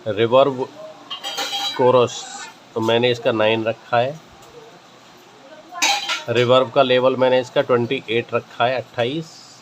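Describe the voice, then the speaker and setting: A man walks through keyboard settings in a relaxed tutorial, talking casually and often pausing on filler sounds. His voice sits at a middle pitch for a man. It comes through a noisy home camera recording with clear background hiss. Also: highs cut off. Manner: hesitant, with frequent filler sounds. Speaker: keyboard music teacher. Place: indoor room with a keyboard.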